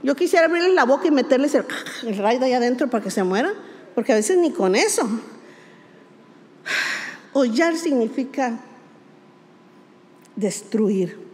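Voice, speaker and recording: A woman's voice: high voice, lively intonation, normal speed, long pauses, a little mellow. A woman pastor, preaching emphatically, repeating key words and asking rhetorical questions. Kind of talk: sermon. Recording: long hall reverb.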